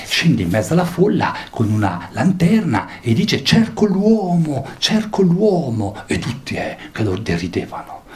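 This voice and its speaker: A man giving a philosophy lecture, moving between soft, digressive asides full of questioning tags and loud, emphatic reading aloud. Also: fairly low pitch. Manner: digressive, peppers talk with questioning "eh?".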